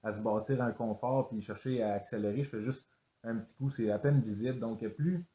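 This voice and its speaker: A man's voice: mid-range voice, fairly quick, mellow, roomy sound. A man explaining a sled dog exercise, hesitant with many fillers and restarts. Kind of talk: instructional explanation.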